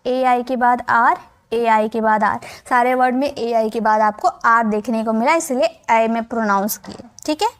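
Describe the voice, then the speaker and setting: A woman's voice: fairly high pitch, normal speed. A woman teaching English phonics in a spoken lesson, patiently spelling out letters and repeating each word. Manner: often checks in with the viewer.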